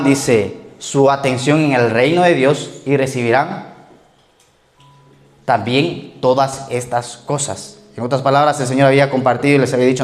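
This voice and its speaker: A man in his thirties preaching a relaxed, conversational sermon in a church, joking and often checking in with "ok?" and "right?". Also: mid-range voice. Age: 30s. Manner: joking, frequent "¿ok?" and "¿verdad?" tag questions. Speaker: pastor.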